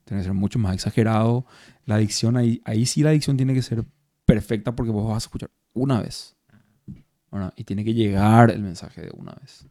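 Over beers at a bar or café, a Paraguayan actor talks through a relaxed interview, thinking aloud, frequently starting over and tacking on tag questions. His Paraguayan Spanish accent comes through in a fairly low, mellow voice at a fairly quick pace, captured at studio quality without echo.

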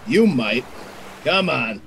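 A man's voice: medium pitch, big pitch swings, slow pace, vocal fry, fairly bright tone, a little hiss or hum, exaggerated voice. A man playing a weary, wry gunman in an audio drama, grumbling sardonically. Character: weary, wry gunman who has had enough.

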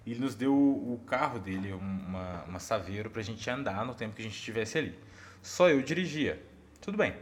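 A man with a Brazilian accent, a missionary, telling a personal story in a casual, animated way and talking straight to his audience. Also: fairly low pitch, fairly quick, a little hiss or hum.

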